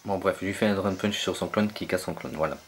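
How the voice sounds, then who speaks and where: A man's voice: low-pitched, quick pace, faint music behind. A young man commentating his own online battle game match, hesitant and full of fillers as he searches for names.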